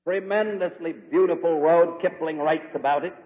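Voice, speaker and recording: An emphatic man preaches a sermon, his fairly high voice swinging between loud declarations and hushed warnings. The recording sounds thin and phone-like, with a long reverb trailing off in a large church hall. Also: moderate pace. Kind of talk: fiery sermon.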